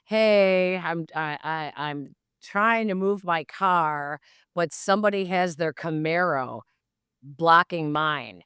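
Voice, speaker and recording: A man's voice: a little high, takes it slowly, pushed and bright, clean tone, dry recording, studio quality. A woman voicing a hapless, cartoonish young male production assistant who complains in a plaintive, bewildered way.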